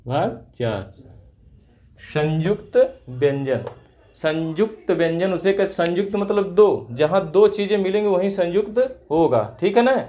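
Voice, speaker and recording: A man teaching Hindi grammar for exam prep, asking questions and answering them himself in slow, drawn-out repetitions. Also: high-pitched, lively intonation, mellow.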